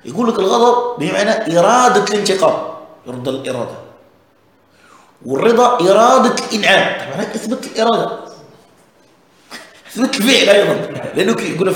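A man's voice: high-pitched, a bit bright. A man, a religious teacher explaining a text step by step and often checking that listeners follow. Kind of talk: explanatory lesson commentary on a text. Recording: very echoey room.

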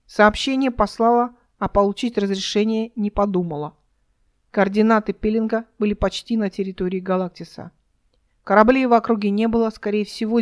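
A woman narrating her own science fiction audiobook in a measured, even reading style, voicing the dialogue only lightly. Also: mid-range voice.

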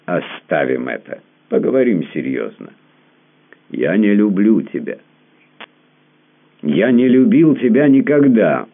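A man reading the lines of a cold, composed prince in a measured, restrained manner. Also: on the low side, sing-song, gravelly, phone-quality sound, voice pushed up, full character voice. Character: cold composed prince, weary of his lover.

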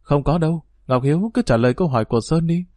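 A man's voice: a little high, expressive, fast, a little mellow, no room sound, close to an everyday voice. Man reading meek lovestruck schoolboy, stammering, pleading, storybook, dry sound. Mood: coaxing.

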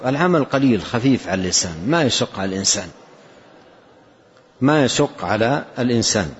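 An older man with a Saudi accent giving an Islamic religious lesson, explaining a text and often repeating his key phrases for emphasis. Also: medium pitch. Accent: Saudi Arabian. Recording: dull lo-fi lecture recording.

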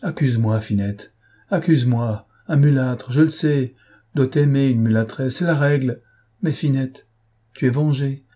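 A man's voice: mid-range voice, measured pace, warm tone, pitched above the performer's own voice, lightly acted. A man voicing a proud, lovesick young man who speaks in passionate, despairing outbursts in an audiobook. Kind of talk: audiobook character voice.

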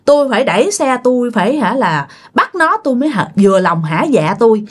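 A woman's voice: fairly high pitch, very animated, a little fast, husky. A woman with a Southern Vietnamese accent voicing the tearful, vengeful ghost of a murdered husband in a told ghost story. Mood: stubborn.

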